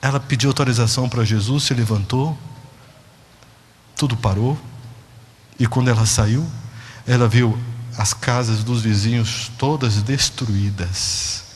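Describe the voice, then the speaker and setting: A man preaching a sermon, dramatic, moving between hushed and emphatic. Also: medium pitch, a little slow, long pauses, big-room sound, a little hiss or hum.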